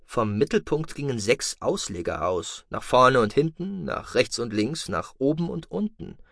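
A man narrating a science-fiction audiobook in an expressive storytelling manner. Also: mid-range voice, a little slow, gravelly, no room sound, studio quality. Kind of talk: scripted narration.

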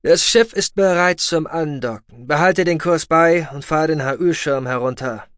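A man's voice: on the high side, moderate pace, fairly bright tone, clean tone, dry recording, clean studio sound, pitched above the performer's own voice, natural voice. A man voicing a curt, matter-of-fact male alien radio officer in a science-fiction audiobook.

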